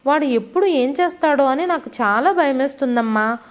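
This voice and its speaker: A woman's voice: high-pitched, animated, normal speed. A woman voicing a tearful frightened schoolgirl. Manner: pleading, sobbing complaints.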